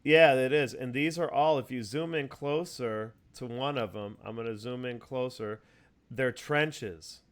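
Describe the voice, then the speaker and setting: A man talking casually over a video call, walking his listener through a topic in long, wandering explanations. His voice is smooth and resonant at an ordinary middle pitch, full of "uh"s, "like"s and false starts. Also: unhurried. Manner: rambling, explanatory, many fillers and restarts. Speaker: host. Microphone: video call mic.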